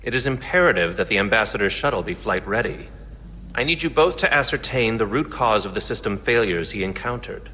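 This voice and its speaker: An actor playing a stern, humorless Vulcan engineer in a game, speaking in stiff, precise, deadpan formal sentences. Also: male voice, lowish voice, fairly quick. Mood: stern, dry. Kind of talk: scripted game dialogue. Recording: long hall reverb, faint noise.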